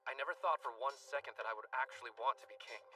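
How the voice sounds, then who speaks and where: A man's voice: mid-range voice, racing, noisy background, natural voice. A man voicing a sincere, determined young prince in an anime dub. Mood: earnest. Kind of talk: anime English dub acting. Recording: distant voice over loud music.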